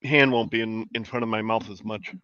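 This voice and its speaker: A man's voice: fairly low pitch, steady tone, brisk, bright, forceful tone, clean tone, dry recording, muffled recording. A man chatting casually on a livestream, speaking without his teeth in. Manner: toothless speech, talking without his teeth in. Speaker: livestream chat participant. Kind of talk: casual chat.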